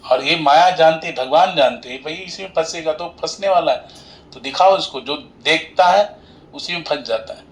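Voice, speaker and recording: A man with a slightly high voice narrates a devotional sermon as a storyteller. He plays both sides of a comic parable, calling out loudly one moment and dropping to soft asides the next. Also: moderate pace. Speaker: katha narrator. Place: Navi Mumbai.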